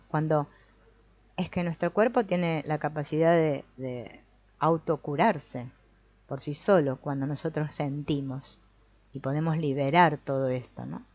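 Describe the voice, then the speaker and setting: A woman leading a family constellations group reads from a book in a low, measured voice, then reflects on what she's read. Her check-ins often take the form of a questioning "no?" or "mm?". The recording is dry, dull, and lo-fi.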